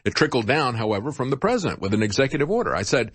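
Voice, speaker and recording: A man with a husky voice hosting talk radio, giving unscripted political commentary and chatting with callers. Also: medium pitch, big pitch swings, racing, fairly bright tone, no echo.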